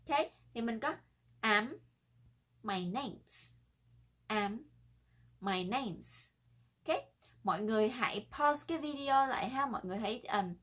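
A woman teaching a casual English lesson in a chatty way, often slowly repeating single words for practice. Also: mid-range voice, breathy edge. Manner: often ends phrases with soft tags.

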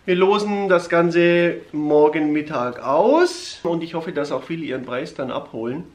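A man's voice: on the high side, lively intonation, a little slow. A middle-aged man hosting a family vlog, making a casual announcement to the camera. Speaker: family channel host. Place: living room. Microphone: camera a short distance away. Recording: echoey room, faint noise.

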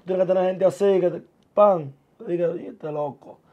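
A young man, a guest chatting casually and laid-back in a small studio, full of street slang and trailing off softly. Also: sits high, fairly even intonation, moderate pace, highs cut off, noisy background. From born in the US, of Dominican parents. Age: young adult. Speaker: guest, musician and TikToker. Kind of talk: casual interview talk. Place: small indoor studio with sofa chairs.

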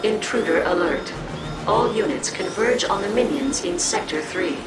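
A woman voicing a calm, formal female station computer that announces orders in a video game. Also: mid-range voice, normal speed, lightly acted. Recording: roomy distant voice over loud game music.

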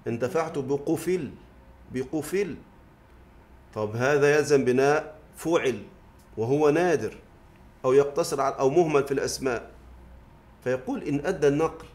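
A man's voice: mid-range voice, a little mellow. A man teaching a grammar lesson in a mosque study circle, often asking the class a question and then answering it himself. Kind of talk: classroom lesson explaining verse.

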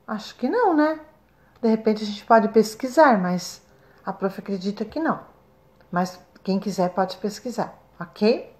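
A woman with a Brazilian Portuguese accent, a first-grade teacher recording a remote lesson, speaking slowly and stretching out syllables for young children. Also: mid-range voice, darkish tone. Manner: slow, sing-song, stretches syllables for children.

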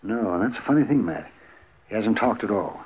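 Low-voiced frontier doctor, tinny. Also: male voice, lively intonation, brisk, husky. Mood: troubled. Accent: American. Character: plain-spoken, caring frontier town doctor. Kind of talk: 1950s radio western acting. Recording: tinny, noisy 1950s radio recording.

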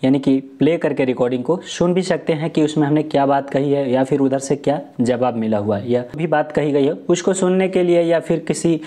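A young man presenting a tech tutorial talks to camera step by step, explaining points and rephrasing them as he goes. His mellow voice is slightly high and a bit fast, with hardly any pauses. He's recorded on a lapel mic in a small indoor room.

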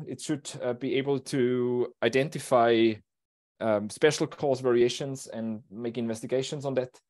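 A man presenting a technical talk at an online seminar in a steady, explanatory way, over a video call. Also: medium pitch. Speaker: invited speaker.

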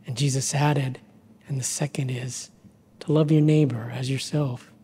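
A man in his fifties, a pastor, leading prayer and a benediction in a slow, solemn, measured way from the pulpit of a church sanctuary. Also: medium pitch, steady tone, warm tone, a little hiss or hum. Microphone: pulpit microphone. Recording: hall reverb with organ music.

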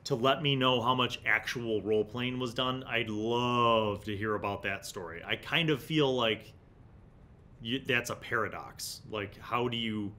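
With a bright, forceful, medium-pitched voice, a middle-aged man speaks a little slowly into the desk mic before him. He hosts a tabletop gaming review series and, in a small indoor studio, muses casually in halting phrases while reading excerpts aloud.

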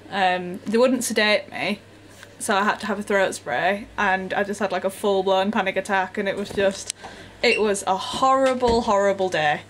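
A woman's voice: medium pitch, moderate pace, slight background noise. A woman in her twenties talking casually to her camera at home, rambling and giggling. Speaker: vlogger. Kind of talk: casual vlog chat. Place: at home indoors. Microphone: handheld camera.

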